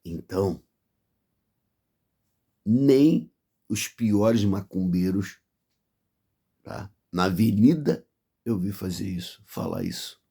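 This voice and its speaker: A Brazilian man preaches in a low, dark and husky voice. He speaks slowly and warns his listeners with fervour, stacking phrase on phrase. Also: sing-song. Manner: fervent, warning, piles up repeated phrases. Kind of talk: sermon.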